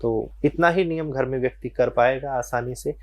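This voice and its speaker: A man, a spiritual teacher, calmly explaining devotional practice in an interview and telling short religious parables. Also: medium pitch, no echo. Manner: calm, unhurried, tells short religious parables.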